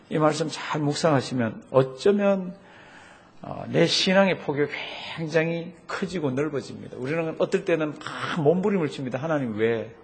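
A middle-aged man preaching a sermon as pastor, animated, asking the congregation rhetorical questions and acting out quotes. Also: fairly high pitch.

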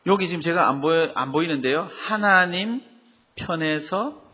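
Preaching a Bible-teaching sermon, a man serving as pastor regularly asks his congregation questions. He speaks at normal speed in a fairly high, sharp voice with a breathy edge, and the hall's long reverb lingers behind him.

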